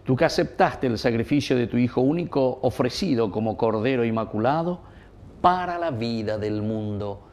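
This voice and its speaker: A man's voice: mid-range voice, darkish tone. Solemn man praying as a priest at Mass. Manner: solemn, measured, formal. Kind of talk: liturgical prayer recitation. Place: small indoor wood-panelled chapel. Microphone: lapel mic.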